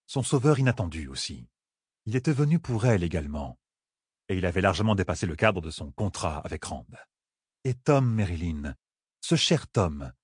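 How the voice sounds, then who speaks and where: A male narrator reading fantasy fiction with a lively, widely moving delivery. His voice is slightly husky and the recording is dry and close. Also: deep voice, dry recording. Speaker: audiobook narrator.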